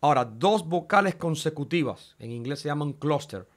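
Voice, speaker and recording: A man's voice: on the high side, animated. A man teaching a Greek class in Spanish, explaining rules patiently and sounding out words syllable by syllable. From Cuba. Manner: slow, patient, spells out syllables one by one. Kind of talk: classroom lecture.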